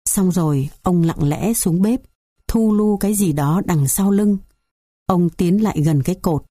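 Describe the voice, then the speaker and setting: A woman narrating a folk tale in a measured, dramatic storytelling manner. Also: fairly low pitch, warm tone, no echo, clean studio sound.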